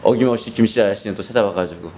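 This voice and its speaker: A man's voice: lowish voice, very fast, dark tone. A male pastor giving a sermon, telling a story in an earnest, conversational way. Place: hospital basement room.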